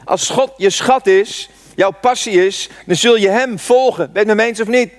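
A man's voice: high-pitched, moderate pace. A man in his sixties preaching a sermon, telling a personal story with fervent rhetorical questions. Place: church. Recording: long church reverb.

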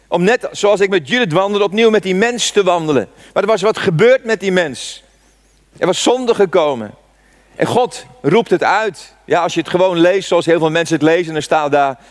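A man in his sixties preaching a sermon, telling a personal story with fervent rhetorical questions. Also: high-pitched. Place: church. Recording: long church reverb.

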